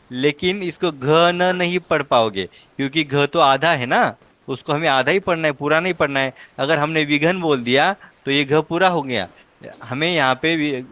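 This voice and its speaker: A man teaching a one-on-one reading lesson, patiently explaining letter by letter and repeating each word slowly. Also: on the high side, a bit bright. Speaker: language teacher.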